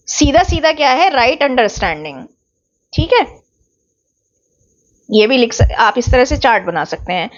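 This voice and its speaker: A woman teacher giving an exam revision lecture, explaining patiently and repeating key words. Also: high-pitched. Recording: slightly dull lo-fi sound.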